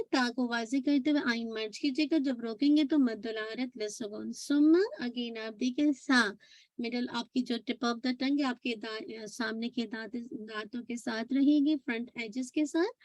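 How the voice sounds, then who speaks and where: A woman's voice: a little high, moderate pace, dry recording. A woman teaching Quran recitation, patiently demonstrating and repeating each sound. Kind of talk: recitation lesson.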